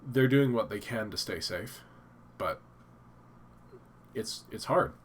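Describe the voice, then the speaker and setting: A man's voice: on the low side, animated, slow pace, slight background noise. A man hosting a casual live stream from his home office, stuffed up and thinking aloud with many fillers and restarts.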